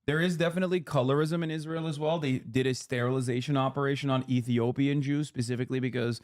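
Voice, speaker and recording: On a casual livestream, a man in his thirties explains politics in fast, lecturing bursts packed with fillers and restarts. His pitch is ordinary and mid-range, with fairly even intonation and a slightly mellow quality.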